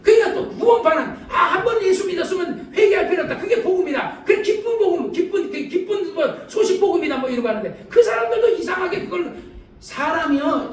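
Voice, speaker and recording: High-pitched, fast-preaching older pastor. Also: male voice. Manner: animated, shouting for emphasis and laughing as he preaches. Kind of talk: sermon. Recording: echoey church hall, mic far off.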